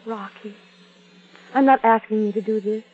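An actress in 1940s radio acting, voicing an anxious young widow who talks in a breathless, pleading way. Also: female voice, medium pitch, steady tone, normal speed, lightly acted. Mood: worried. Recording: tinny old radio broadcast.

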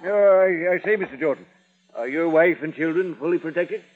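A man's voice: on the high side, brisk, lightly acted. An actor playing a fussy male insurance clerk who speaks in a prim, formal way in an old radio drama. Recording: tinny old radio broadcast.

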